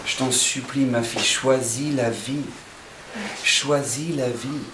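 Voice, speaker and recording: A man voicing God as a tender father who softly pleads with his child, in an echoey hall from some distance. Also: medium pitch, steady tone, slow pace, noisy background, pitched below the performer's own voice, lightly acted. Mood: pleading. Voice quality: soft, hushed and imploring.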